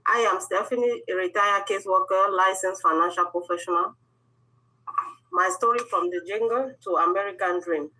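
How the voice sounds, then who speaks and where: A woman's voice: mid-range voice, moderate pace, sharp tone, rough recording. A middle-aged woman from Cameroon sharing her life story earnestly on a video call. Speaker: guest speaker. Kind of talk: personal testimony on a video call.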